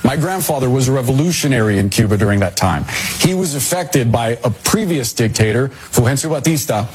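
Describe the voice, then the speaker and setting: A man's voice: medium pitch, lively intonation, a little fast, darkish tone, rough recording. A male news anchor presses a guest with firm, pointed questions. The clip is played from television with faint hiss behind it. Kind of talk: TV interview.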